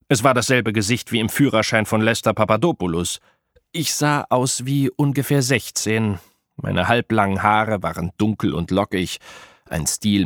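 A man's voice: fairly low pitch, no room sound, studio quality. A man reading a first-person audiobook in a wry, dramatic storytelling manner. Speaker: audiobook narrator.

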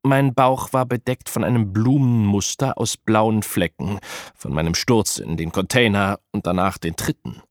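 A man's voice: fairly low pitch, moderate pace, no room sound, clean studio sound. A man reading a first-person audiobook in a wry, dramatic storytelling manner. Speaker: audiobook narrator.

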